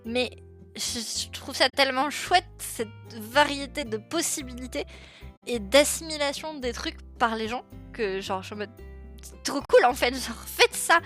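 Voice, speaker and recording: A woman's voice: sits high, unhurried, fairly bright tone, soft background music. A woman streamer chatting casually and rambling on a gaming livestream, reading game dialogue aloud as she plays. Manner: chatty and rambling, with frequent fillers and laughs; reads game dialogue aloud while playing.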